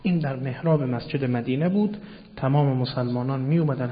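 A man giving a religious lecture, explaining word meanings patiently and addressing his listeners politely, often repeating key terms. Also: mid-range voice. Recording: dull sound with long hall reverb.

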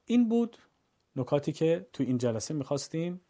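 A man teaching a Quran recitation lesson, calmly explaining the rules and then chanting the verses slowly and melodically. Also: fairly high pitch. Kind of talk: tajweed lesson.

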